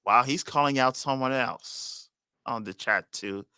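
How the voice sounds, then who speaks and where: A man hosting a casual podcast chat, relaxed and reading out comments from the live chat. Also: mid-range voice, unhurried, clear, resonant tone, no echo. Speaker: podcast host.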